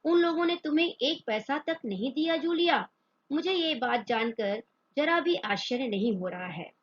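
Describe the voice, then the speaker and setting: A woman's voice: sits high, lively intonation, normal speed. A woman reading the lines of a stern, scheming male employer who scolds and lectures in a hard, indignant tone, from a play read aloud. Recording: dull lo-fi recording.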